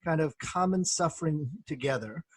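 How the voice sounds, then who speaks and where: A middle-aged man, born in Korea, answering interview questions as a professor and former pastor in a measured, reflective way. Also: a little high, lively intonation, slightly rough, no room sound. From born in Korea, grew up in the United States. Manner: measured, reflective, many soft fillers.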